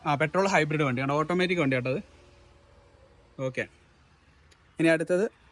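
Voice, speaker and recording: Higher-pitched Kerala man mixing Malayalam and English. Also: normal speed, a bit bright. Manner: Malayalam mixed with English words; repeats answers back and checks with questions. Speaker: car showroom video host. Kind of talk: casual vlog interview about used cars.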